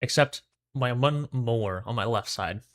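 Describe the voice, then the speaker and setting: Casting: male game streamer, medium pitch, dry sound, relaxed slangy chat, speaking with a dentist-numbed mouth. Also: unhurried, no room sound. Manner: talking with a mouth numb from the dentist; laid-back, slangy. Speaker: livestream host. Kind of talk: casual gaming livestream chat.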